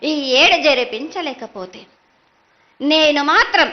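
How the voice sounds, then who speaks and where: A woman's voice: high-pitched, expressive, slow. A woman with a Telangana accent speaking in a prophetic trance as an oracle, imperious like a mother goddess, in short chanted bursts. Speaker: oracle delivering the yearly festival prophecy as the goddess. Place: live temple festival ceremony. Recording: dull, band-limited live event sound.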